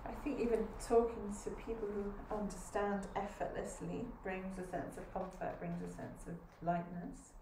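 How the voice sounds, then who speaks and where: Calm woman panelist, distant echoey sound. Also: medium pitch, moderate pace, few pauses. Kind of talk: reflective panel answer. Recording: distant echoey room, faint noise.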